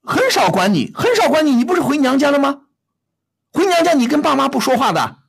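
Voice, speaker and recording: A man's voice: extremely high pitch, sing-song, brisk, creaky. A middle-aged man hosting a call-in advice show, bluntly scolding a caller with rhetorical questions. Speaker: radio advice host.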